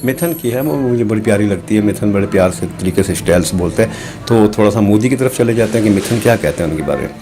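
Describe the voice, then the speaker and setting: A man's voice: lowish voice, lively intonation. A man, a voice mimic, giving earnest, rambling answers in an interview. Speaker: voice mimic guest.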